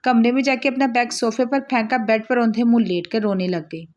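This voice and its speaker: Brief: female storyteller reading a romance novel, slightly high voice, steady narration. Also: brisk.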